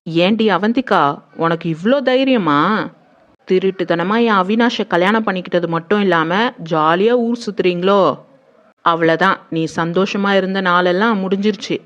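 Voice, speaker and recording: A woman's voice: on the low side, moderate pace, close to an everyday voice. An actress playing a bitter, vengeful young woman who was jilted, speaking in a tearful then seething TV serial manner. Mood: spiteful. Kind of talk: TV serial acting. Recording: muffled lo-fi sound.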